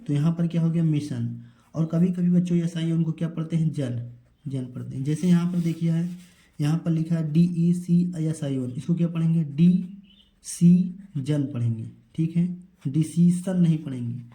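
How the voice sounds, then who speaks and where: A man's voice: fairly high pitch, moderate pace, dark tone, echoey room, poor audio. A male teacher giving a pronunciation lesson, spelling words out letter by letter and answering his own questions. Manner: asks a question, then answers it himself. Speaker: English teacher. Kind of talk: spoken English pronunciation lesson.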